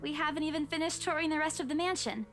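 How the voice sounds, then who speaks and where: A woman's voice: sits high, quick pace, fairly bright tone, faint music behind, voice pushed up. A woman voicing a polite, nervous young woman tour guide who stammers.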